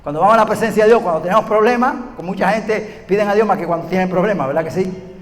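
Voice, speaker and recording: A man preaching a sermon, acting out little dialogues and swinging between shouts and hushed asides. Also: high voice, fast talker. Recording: hall reverb, faint background noise.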